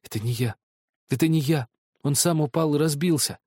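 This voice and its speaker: A man's voice: a little high, normal speed, a little mellow, dry recording, clean studio sound, voice pushed up. Man doing a stammering frightened little boy. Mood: pleading. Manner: stammering, pleading. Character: frightened small boy denying blame.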